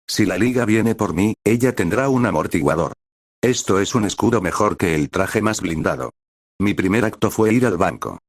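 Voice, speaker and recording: A man narrating a fan fiction story in an even reading that reads out speaker names. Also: sits low, no room sound, clean studio sound. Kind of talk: scripted fanfic narration.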